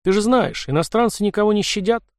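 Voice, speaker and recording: A man's voice: high voice, animated, quick pace, a little mellow, no echo, studio quality, pitched above the performer's own voice. A man reading the part of a blunt, plain-spoken young Cossack man in an audiobook. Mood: sober.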